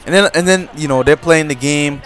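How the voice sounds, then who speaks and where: A man's voice: a little high, brisk, a bit bright, some chatter behind. A young man telling a rambling story in a casual vlog, with lots of restarts and a sore throat, as a gaming YouTuber.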